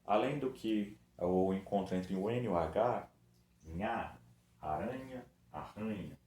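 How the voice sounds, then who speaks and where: Speaking with a Brazilian Portuguese accent, a man leads children through a recorded review lesson, stretching each word patiently into its syllables. His voice sits on the low side with a warm tone, in an echoey room with faint noise behind him.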